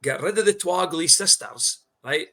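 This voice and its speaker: A man's voice: fairly high pitch, expressive, normal speed, pushed and bright. A middle-aged man with a broad Scottish accent, chatting casually about sport as a podcast co-host in a blunt, sweary, colloquial way.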